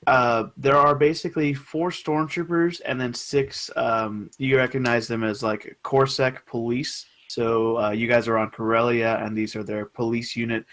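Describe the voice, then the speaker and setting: A young man narrating as game master in a casual, halting way with lots of fillers. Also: medium pitch, fairly even intonation, fairly bright tone, low-quality recording.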